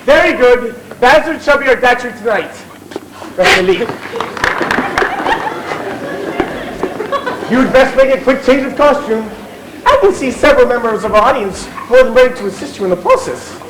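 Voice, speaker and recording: Man acting a high-voiced, pompous music hall chairman. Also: animated, a little fast. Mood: pompous, jovial. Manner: pompous, declamatory, bantering with the audience. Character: theatrical, bossy Victorian music hall chairman. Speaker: master of ceremonies. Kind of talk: comic stage musical narration. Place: theatre stage. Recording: noisy live theatre audience recording.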